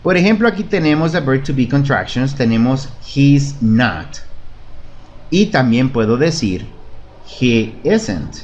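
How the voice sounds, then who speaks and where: In an online lesson, a man teaches beginner English through Spanish, patiently modelling phrases for students to repeat and checking they follow with "¿De acuerdo?". His mid-range voice is lively in intonation, unhurried and a little mellow. The recording is muffled with slight background noise.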